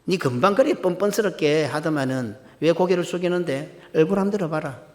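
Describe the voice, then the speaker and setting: A pastor voicing God's stern questioning voice. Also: male voice, on the high side, a little fast, long reverb tail, close to an everyday voice. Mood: chiding. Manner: pointed rhetorical questioning. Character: stern questioning divine male voice.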